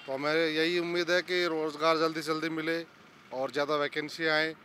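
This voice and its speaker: Young grad talking pretty monotone about jobs, bit of street noise. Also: male voice, fairly high pitch, moderate pace. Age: young adult. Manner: steady, listing hopes. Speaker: recent graduate job seeker. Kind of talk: street interview.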